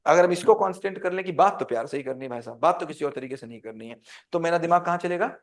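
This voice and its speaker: Man, high voice, teacher, interactive lecture, asks the class questions. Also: animated, quick pace. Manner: quizzes the class with call-and-response questions.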